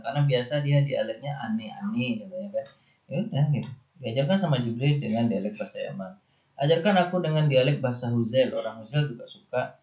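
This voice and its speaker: A man's voice: fairly low pitch, darkish tone. A man teaching an Islamic studies class in a loose, conversational way, with a light Indonesian accent. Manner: explanatory, loose and conversational, with frequent "ya" and "nih" asides. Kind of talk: classroom lecture. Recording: dull lo-fi lecture recording.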